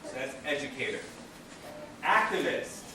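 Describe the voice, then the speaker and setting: A male trainer lectures with energy, asking the group questions as he goes. His voice sits fairly high for a man. The room is very echoey, the mic is far away, and a steady noise runs underneath. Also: unhurried. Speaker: peer education trainer.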